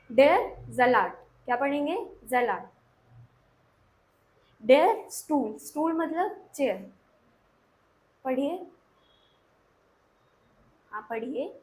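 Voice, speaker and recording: A woman teaching German pronunciation in an online lesson, slowing down to model each word and encouraging learners to repeat after her. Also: high-pitched, a little hiss or hum, rough recording.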